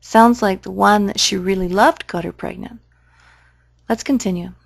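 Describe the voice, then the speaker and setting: A woman's voice: mid-range voice, steady tone, normal speed, gravelly, dry recording. A woman giving sarcastic commentary on a video, firing challenging, mocking questions.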